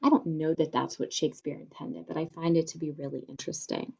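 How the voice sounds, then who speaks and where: Low-voiced woman teaching in a casual tone. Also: fairly even intonation, quick pace, gravelly, mellow, breathy edge, muffled recording. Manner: casual, with many fillers and "like". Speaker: theater company teacher leading a presentation. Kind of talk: informal lecture with readings of sonnets.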